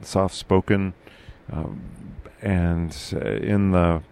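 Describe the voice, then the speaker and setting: A podcast host, a man with a low, gravelly voice that's loud and carries well, chats casually about local news. His intonation stays fairly even, and he speaks haltingly with many fillers and restarts. A little hiss or hum sits in the background.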